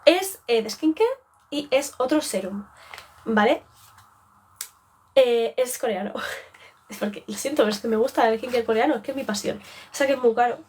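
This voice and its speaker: A woman's voice: on the high side, moderate pace, pauses often, darkish tone, husky. A young woman from Spain with a Spanish accent, chatting casually on a live beauty stream and rambling off track. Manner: rambling, chatty, self-interrupting.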